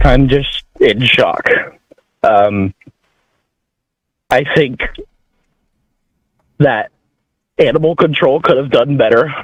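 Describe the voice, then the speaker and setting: A man giving halting, earnest testimony as a public commenter at a meeting. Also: on the low side, no echo. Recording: muffled, radio-like audio.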